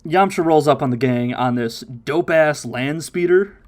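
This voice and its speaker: A man hosting a casual podcast, recapping episodes in an animated way and slipping into impressions of the characters. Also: a little high, a little slow. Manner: animated, mimics characters' voices while recapping. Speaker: podcast host.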